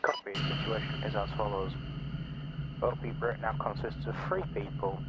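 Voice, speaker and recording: Low-voiced man over a radio. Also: flat delivery, normal speed, heavy background noise. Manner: terse, formal call-and-response. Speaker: air controller in a military sim game. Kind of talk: clipped military radio procedure.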